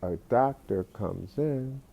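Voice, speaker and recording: A man's voice: mid-range voice, slow, gravelly, husky, dull audio. A man telling a comic story in a rambling way, with many fillers and restarts. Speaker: comedic storyteller.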